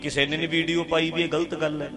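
A man's voice: on the high side, level tone, fast, fairly bright tone. A man from India giving a public talk on religion, stressing points by repeating phrases and putting questions to the audience. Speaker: speaker addressing an audience.

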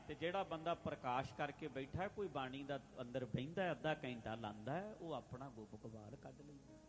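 A man preaching a religious sermon, addressing listeners directly, repeating phrases and chanting scripture lines slowly. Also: fairly high pitch, fairly bright tone. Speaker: Sikh preacher.

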